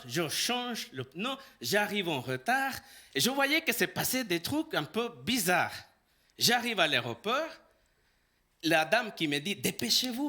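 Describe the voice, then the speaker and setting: A man preaches in French, his voice high and very bright. He tells a personal story and acts out every bit of dialogue. His pitch leaps up and down as he laughs his way through it. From El Salvador.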